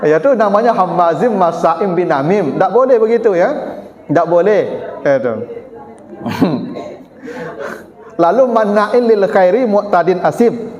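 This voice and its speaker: A high-pitched man with a Minangkabau accent gives a chatty, teasing sermon. He acts out little everyday exchanges to make his points. His voice rings through a mosque hall with a long, roomy reverb. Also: lively intonation, measured pace, long pauses, darkish tone, muffled recording. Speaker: preacher.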